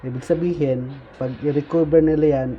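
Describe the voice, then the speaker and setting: A man explaining levels of membership in an informal talk, pausing often on fillers and tagging lines with "no?". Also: fairly high pitch, steady tone. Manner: frequent "no?" tag questions, halting with fillers. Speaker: speaker explaining insurgent recruitment levels. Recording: dull lo-fi recording with faint noise.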